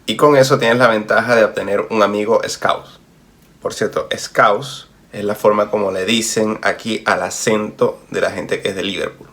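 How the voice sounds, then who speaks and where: A man's voice: on the low side, steady tone, normal speed, fairly bright tone. A man from the Caribbean with a Caribbean Spanish accent, explaining things to viewers in a chatty travel vlog, recorded outdoors on a city street. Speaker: travel vlogger. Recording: clear street noise behind voice. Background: traffic and street ambience.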